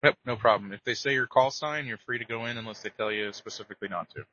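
Rapid-fire male air traffic controller on radio. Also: on the low side, sharp tone. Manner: brisk, procedural. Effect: radio transmission. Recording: muffled lo-fi radio audio.

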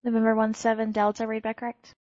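A woman giving clearances as an air traffic controller in clipped aviation phraseology. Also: fairly high pitch, completely flat delivery, quick pace, darkish tone, no room sound, lo-fi sound.

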